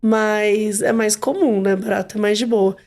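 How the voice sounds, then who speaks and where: A Brazilian podcast host with a Brazilian Portuguese accent chats casually and tells stories, animatedly acting out quotes. Her voice is medium-pitched and a little slow.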